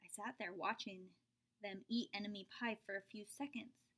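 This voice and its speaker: Reading a children's picture book aloud at normal speed, a woman performs it expressively. Suspenseful parts come out in whispers, while the child's lines get a higher pitch.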